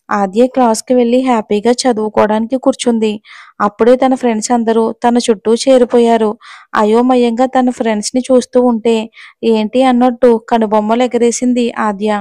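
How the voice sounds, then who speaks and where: A woman reading a romance novel aloud as a storyteller, in a steady, even narration. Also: a little high, no echo.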